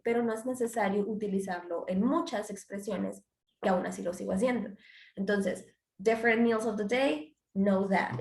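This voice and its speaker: A woman teaches English grammar in a class, walking through each rule step by step. She moves between Spanish explanations and English example sentences. Her voice is of middling pitch and carries a roomy echo. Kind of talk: online class lesson.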